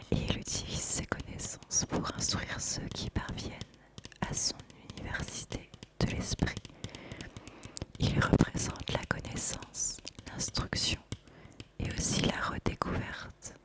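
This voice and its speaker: A woman whispering a soft, measured ASMR presentation with deliberate phrasing. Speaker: ASMR host presenting an oracle card deck.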